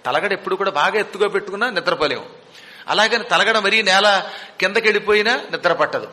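A man with a high, bright voice tells an epic tale as a religious discourse, asking his listeners questions and acting out the moments with drama. His voice rings through a hall with a long reverb tail. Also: fast. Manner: dramatic, rhetorical questions, chants verses.

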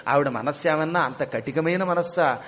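A man's voice: on the high side, a bit bright, voice pushed down, close to an everyday voice. Keechaka, a man voicing a vain lovesick commander. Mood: pining. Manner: boastful, fawning, slow drawn-out wooing. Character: vain lustful male commander Keechaka, infatuated. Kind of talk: storyteller acting a character.

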